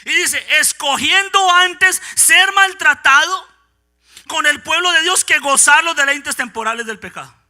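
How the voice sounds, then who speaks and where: High bright-voiced guy preaching in church, goes from quiet asides to full-on shouting. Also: a little slow, soft background music. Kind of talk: Pentecostal sermon. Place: church sanctuary.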